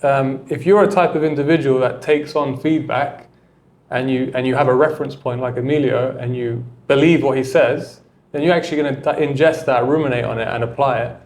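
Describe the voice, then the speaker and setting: A man speaking as a guest coach in a relaxed interview, thoughtful and unhurried in how he builds his points. His voice sits at a middling pitch, and his speech is dotted with casual filler words. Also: slight background noise. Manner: reflective, loose with filler words. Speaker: tennis coach and mentor, guest.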